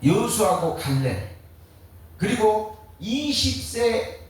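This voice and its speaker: A man's voice: high-pitched, big pitch swings, slow. A man preaching a sermon as pastor, firing rhetorical questions and answering them in a colloquial, joking way. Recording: very echoey, distant mic.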